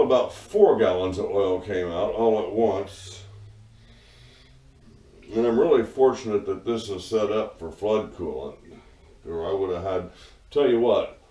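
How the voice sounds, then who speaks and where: A low-voiced man talks his way through a casual shop vlog, rambling and dry-humored, with a mellow, relaxed tone. He sits back from the mic in an echoey home machine shop. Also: distant mic. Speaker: hobby machinist. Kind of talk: casual workshop vlog narration. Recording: roomy echo, voice away from the mic.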